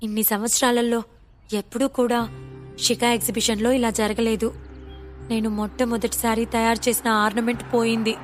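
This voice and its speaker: Lady putting on a worried young designer girl, higher voice, fretful, soft music behind. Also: level tone, normal speed, close to an everyday voice. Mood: anxious. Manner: fretful, rising and pleading.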